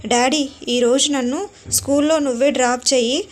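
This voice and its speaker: Brief: woman reading as a small innocent boy, eager, pitched high. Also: fairly even intonation, normal speed, lightly acted. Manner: innocent, pleading.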